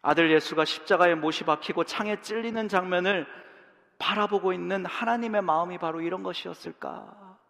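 A pastor preaching a sermon, telling a personal story that swings from hushed to loud. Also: male voice, high voice, a little fast, vocal fry, big-room sound. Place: church sanctuary.

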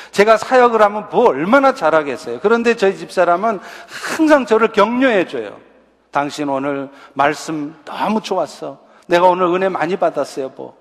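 Pastor, middle-aged man, high voice, earnest conversational sermon, long hall reverb. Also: fairly bright tone. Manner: earnest, conversational preaching with rhetorical questions. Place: church sanctuary.

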